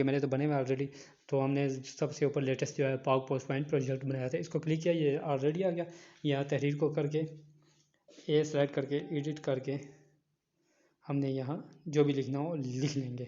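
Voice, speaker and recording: A man's voice: medium pitch, little pitch movement, normal speed, warm tone, highs cut off. A man teaching a phone editing app step by step, repeating key instructions. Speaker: online teacher. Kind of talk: screen-recorded app tutorial.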